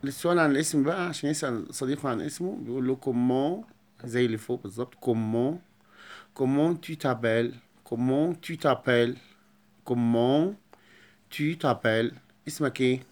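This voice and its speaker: Egyptian guy teaching a beginner class, says every word over slowly, medium voice. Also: medium pitch. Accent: Egyptian Arabic. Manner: repeats words slowly and clearly for pupils. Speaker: French teacher. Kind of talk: classroom lesson explanation.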